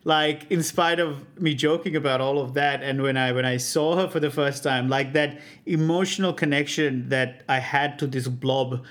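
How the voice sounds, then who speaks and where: A man's voice: medium pitch, normal speed, hardly any pauses. A man, a guest telling stories in casual chat, swearing freely and acting out both sides of conversations. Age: 30s. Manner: animated storyteller, swears freely, acts out both sides of calls.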